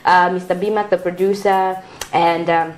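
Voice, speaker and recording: A woman's voice: on the low side, fairly even intonation, a little slow. A woman hosting a TV talk show, asking questions and then closing the show, thanking viewers and the crew. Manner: frequent backchannel, upbeat sign-off thanking crew. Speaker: TV show host.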